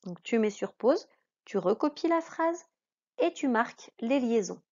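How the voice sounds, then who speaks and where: A woman's voice: fairly high pitch, sing-song, a little slow, a little mellow. A woman teaching a reading lesson to children, patient, drawing out each example word. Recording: dull lo-fi sound.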